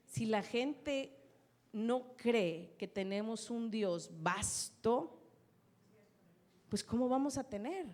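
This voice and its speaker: A woman's voice: on the high side, animated, slow pace, long pauses, darkish tone. A woman pastor preaching a sermon, reading scripture with emphasis and turning to the congregation with asides. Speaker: pastor and teacher.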